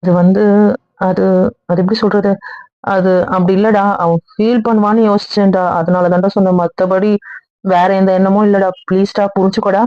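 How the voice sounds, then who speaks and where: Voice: mid-range voice, little pitch movement, moderate pace, dry recording, close to an everyday voice. A performer voicing a young brother who fumbles for excuses and pleads, in an amateur audio drama with a dull recording. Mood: pleading. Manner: flustered, pleading.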